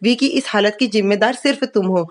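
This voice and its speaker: A woman's voice: mid-range voice, fairly quick, close to an everyday voice. A woman reading the lines of a defiant, insistent young woman who blames others, in a TV serial retelling.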